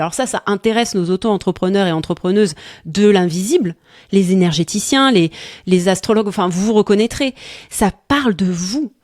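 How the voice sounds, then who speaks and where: A woman talks through astrology in a relaxed, chatty way, often pausing and restarting as she searches for words. She sounds tired, laughs easily, and the sound is dry and close. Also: a little high, no room sound. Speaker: astrology coach co-host. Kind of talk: casual astrology talk.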